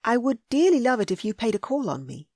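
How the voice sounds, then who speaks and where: Earnest young noblewoman in love, lifted high and breathy, voiced by a woman narrator. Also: very animated, a little fast, darkish tone, dry recording, clean studio sound.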